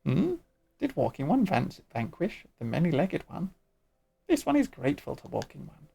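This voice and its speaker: A man voicing a tiny old male sylph elder in a high, chirpy voice who calls himself 'this one'. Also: wildly swooping pitch, normal speed, creaky, warm tone, husky, full character voice. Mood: grateful.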